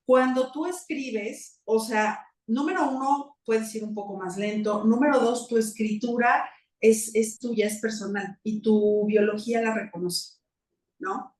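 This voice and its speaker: A woman's voice: fairly high pitch, a little slow, darkish tone, echoey room, recorded from a distance, poor audio. A woman with a Mexican accent explaining things as a guest on a talk show, chatty and full of asides and rhetorical questions. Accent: Mexican Spanish. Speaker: guest biomagnetist.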